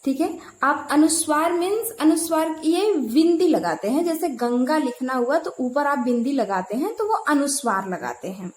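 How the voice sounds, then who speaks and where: Speaking with a high, expressive voice at a moderate pace and hardly any pauses, a woman who teaches Hindi drills a grammar lesson. She asks questions herself and repeats key terms, and the room echoes.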